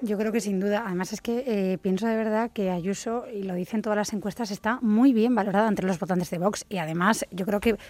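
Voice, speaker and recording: A woman's voice: medium pitch, steady tone, fairly quick, hardly any pauses, a little mellow, no room sound. A woman giving assertive, opinionated commentary on a talk show. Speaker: political commentator.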